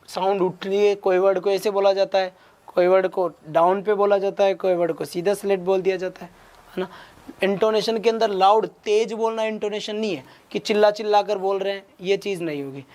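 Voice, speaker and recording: Guy teaching english exam prep online, fires quick questions at students. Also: sits high, darkish tone. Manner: rapid Hindi-English mix, urges students with quick questions. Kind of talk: online class lecture.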